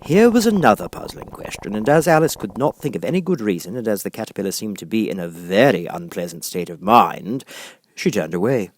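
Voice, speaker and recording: A man reading a storybook aloud as an expressive audiobook narrator. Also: on the low side, fairly quick, no echo.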